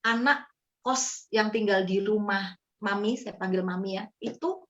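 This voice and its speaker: A woman's voice: medium pitch, measured pace, fairly bright tone. A woman, earnestly telling her testimony to a host. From East Java, Indonesia. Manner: earnest, addresses the host as "Pak". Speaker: guest sharing a testimony. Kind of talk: heartfelt personal testimony. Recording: slightly muffled audio.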